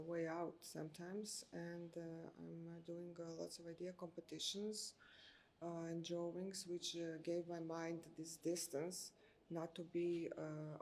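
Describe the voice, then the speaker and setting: A woman's voice: on the low side, gravelly, darkish tone, slight background noise. Croatian-accented woman, hesitant and thoughtful. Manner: hesitant, many filler sounds, searching for words. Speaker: architect. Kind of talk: interview answers.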